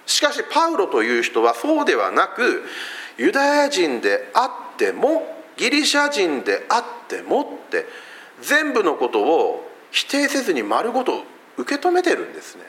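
Lively high-voiced Japanese pastor preaching. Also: male voice, normal speed. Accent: Hakata dialect. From Fukuoka, Japan. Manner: conversational preaching with rhetorical questions. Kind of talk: sermon.

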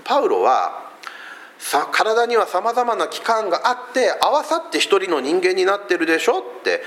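A man's voice: high-pitched, sing-song, moderate pace, a bit bright. A man from Fukuoka with a Hakata accent, preaching a sermon in a conversational way, with many rhetorical questions. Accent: Hakata dialect. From Fukuoka, Japan. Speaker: pastor.

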